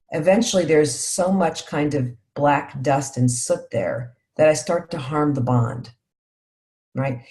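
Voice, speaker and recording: A woman's voice: low-pitched, a little mellow. A woman leading a parenting workshop, talking reflectively, often checking in with "right?" and posing guiding questions to her listeners. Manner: reflective, tags points with "right?". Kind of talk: guided workshop teaching.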